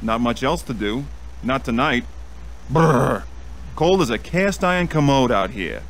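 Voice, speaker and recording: A man voicing a brash, chummy middle-aged American buyer and card sharp in a video game, with slangy salesman patter. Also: mid-range voice, animated, measured pace, low-quality recording. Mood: chummy, pushy. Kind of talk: video game character acting. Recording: background noise and ambience.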